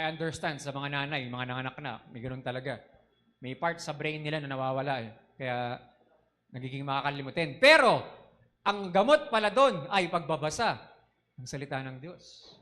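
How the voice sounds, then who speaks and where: A man with a fairly high-pitched voice preaches an animated sermon, switching between Tagalog and English and putting questions to the congregation.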